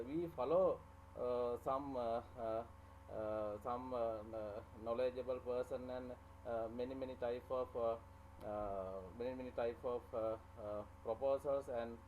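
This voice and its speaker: A man from Sri Lanka asking a question on a video call in halting English, full of fillers and restarts. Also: mid-range voice, darkish tone, a little hiss or hum, low-quality recording. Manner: hesitant, many pauses and restarts. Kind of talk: halting non-native English with many fillers.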